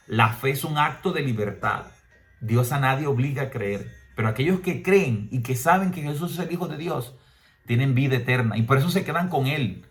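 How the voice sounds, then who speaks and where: Man preaching an emphatic homily. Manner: preaching with emphatic rhetorical questions; mimics people in higher voices. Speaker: priest.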